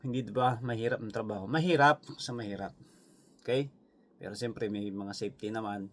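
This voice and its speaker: A man's voice: lowish voice, moderate pace, fairly bright tone. A Filipino man with a Visayan accent, chatting casually and rambling through viewer comments as a vlogger. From Philippines. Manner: rambling, chatty, full of fillers and asides. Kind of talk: casual chat. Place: New Zealand.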